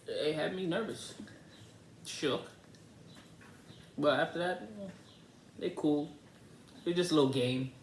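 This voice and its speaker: A man's voice: on the high side, slow, pauses often, recorded from a distance. A young man, making short laid-back teasing comments beside his partner. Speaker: co-host, vlogger's partner. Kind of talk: casual chat, side comments. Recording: echoey, off-mic with faint room noise.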